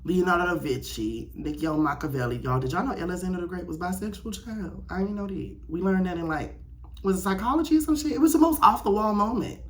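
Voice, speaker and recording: A young man who hosts his own video channel reads aloud and reacts in casual solo commentary, blunt, opinionated and full of slang. He talks fast in a high voice.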